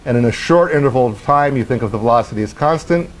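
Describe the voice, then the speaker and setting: A middle-aged man giving a university lecture in a lecture hall, animated as he acts out motion and tosses wry questions to the class. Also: medium pitch, fast. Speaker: professor.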